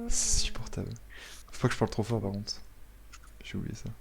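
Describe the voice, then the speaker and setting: A man's voice: lowish voice, gravelly, noisy background. A man playing an online game, chatting casually with teammates, teasing and laughing often. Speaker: streamer playing support. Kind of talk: casual gaming chat.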